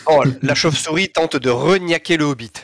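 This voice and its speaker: A man narrating as game master of a tabletop game, briskly calling out rolls and turns. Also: a little high, a bit bright, dry recording, clean studio sound.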